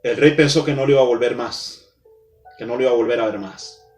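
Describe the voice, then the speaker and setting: A man preaching a sermon in a church, speaking straight to his listeners and dragging out key words with long pauses. His voice rings around a roomy, echoey space, with soft music playing underneath. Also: mid-range voice. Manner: dramatic pauses, slows for emphasis, addresses the congregation directly. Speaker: pastor.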